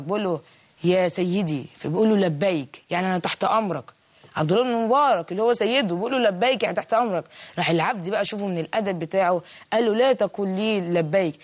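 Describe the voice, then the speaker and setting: A speaker with an Egyptian accent giving a religious storytelling talk, retelling a moral tale and explaining each phrase. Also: mid-range voice. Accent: Egyptian Arabic.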